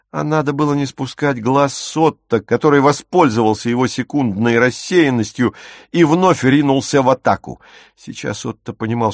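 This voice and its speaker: A man narrating an audiobook with a lively, expressive reading on a close studio mic. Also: mid-range voice, no room sound.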